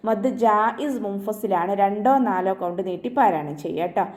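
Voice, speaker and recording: Woman teaching Quranic recitation. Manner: patient step-by-step instruction, softly ending phrases with "ട്ടോ"; chants verses slowly in a drawn-out, higher recitation voice. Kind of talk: online tajweed lesson.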